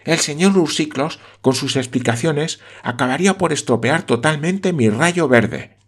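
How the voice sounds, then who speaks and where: A man's voice: a little high, expressive, unhurried, breathy edge, voice pushed up, full character voice. A man voicing a romantic, indignant young Scottish lady in an audiobook, raising his voice for her.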